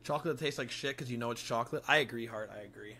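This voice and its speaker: Rapid-fire and forceful, this young streamer's medium-pitched, bright voice carries a frat-bro style full of slang, crudeness and swearing as he chats casually over his livestreamed gameplay. There's a little hiss or hum on the recording.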